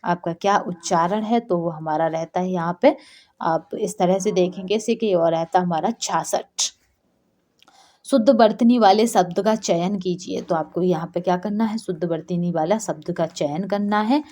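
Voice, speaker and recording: Female teacher, warm mellow tone, walks through answers by asking and answering her own questions. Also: lowish voice, normal speed. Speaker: Hindi teacher. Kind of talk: exam-prep lesson.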